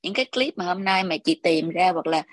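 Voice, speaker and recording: Low-voiced woman host. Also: lively intonation, a little fast, no echo, studio quality. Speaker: host asking questions. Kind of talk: casual chat.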